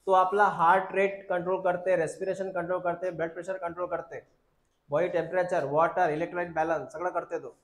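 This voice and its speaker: High-voiced biology teacher. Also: male voice, flat delivery, fairly quick, roomy sound. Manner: drills students with repeated questions, calls them beta. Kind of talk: classroom lecture.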